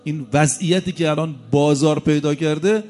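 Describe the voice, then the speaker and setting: Animated male preacher, higher voice. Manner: animated storytelling, rhetorical questions, swings between soft and loud. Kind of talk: sermon.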